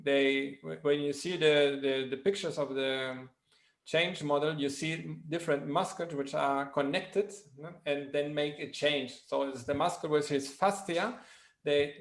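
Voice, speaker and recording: Man, thick foreign accent, non-native English, gravelly creak, halting explanatory lecture, searches for words, even intonation. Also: on the high side. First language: not English. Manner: halting, searching for words, frequent "hmm?" tags. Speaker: presenter, physical therapy educator.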